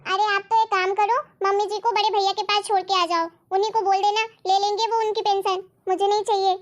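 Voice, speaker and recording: A woman playing a selfish young daughter-in-law who talks fast and complains sharply. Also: very high voice, flat delivery. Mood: stubborn. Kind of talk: family drama acting.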